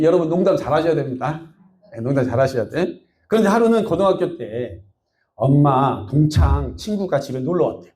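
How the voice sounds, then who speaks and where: A man's voice: fairly high pitch, dark tone. A male pastor preaching a Sunday sermon, telling a story and asking the congregation questions. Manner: asks the congregation questions and acts out quotes. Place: church sanctuary. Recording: echoey church sound.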